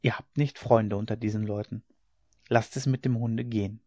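A man doing a quiet old friend murmuring warnings. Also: lowish voice, steady tone, normal speed, dry recording. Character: older male friend, quiet cautious warner. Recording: slightly dull lo-fi recording.

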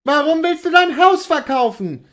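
Guy putting on a scared young wife, way up high and shrill, voice swinging all over as she begs. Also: lively intonation, moderate pace. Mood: alarmed. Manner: shrill, high, breaking with alarm. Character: distraught young wife, frightened and pleading.

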